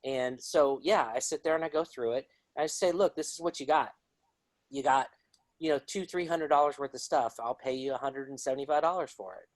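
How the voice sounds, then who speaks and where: A man's voice: medium pitch, fairly quick, dry recording. Southern guy telling stories on a podcast, laughs a lot, dry mic. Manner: easygoing storyteller, laughs often. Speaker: podcast guest, coin dealer. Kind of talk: casual chat.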